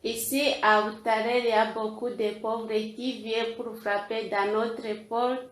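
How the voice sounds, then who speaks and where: A woman from Rwanda, a novice nun giving a careful, soft-spoken personal testimony. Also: on the high side, little pitch movement, a little slow, reverberant, poor audio.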